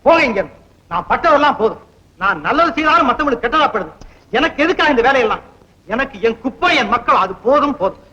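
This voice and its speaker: A man's voice: extremely high pitch, sing-song, fast talker, sharp tone, exaggerated voice. An actor playing a weary fisherman hero who bitterly refuses to help, in 1960s film acting style, on a dull old film soundtrack. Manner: agitated, dismissive.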